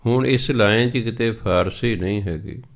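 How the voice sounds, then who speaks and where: A man with a Punjabi accent preaching a scripture exposition, explaining verses and chanting them slowly. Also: on the low side. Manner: slow, chants scripture lines in a drawn-out cadence. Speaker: religious preacher.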